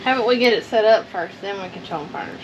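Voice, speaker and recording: A woman's voice: medium pitch, racing, dull audio. A woman in her thirties chatting casually as a vlog co-host in a plain-spoken, practical way. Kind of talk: casual chat. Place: inside a metal storage unit. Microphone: camera a few feet away. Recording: noisy ambient background.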